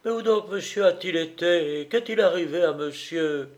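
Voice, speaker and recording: A man's voice: a little high, measured pace, voice pushed up, lightly acted. A man reading aloud voices a nervous young male valet, raised and deferential. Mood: anxious.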